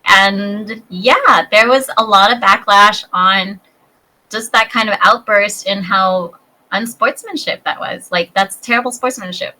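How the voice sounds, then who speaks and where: Bubbly woman in her 30s on a podcast, bright voice, chatty. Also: unhurried, poor audio. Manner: bubbly, chatty, acts out high-pitched voices in her stories. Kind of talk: casual podcast chat.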